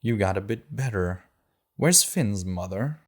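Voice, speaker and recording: A man's voice: fairly low pitch, expressive, measured pace. A man voicing a cautious, tough young woman survivor who speaks carefully in an audiobook. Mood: probing.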